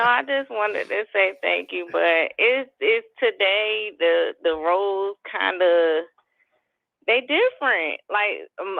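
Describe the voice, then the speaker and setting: Thirtysomething woman on a landline phone, gravelly voice, dry tinny line, chatty and rambling. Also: medium pitch, no room sound. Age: 30s. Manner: chatty, loose run-on sentences. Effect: over a landline phone. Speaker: caller. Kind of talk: casual call-in chat.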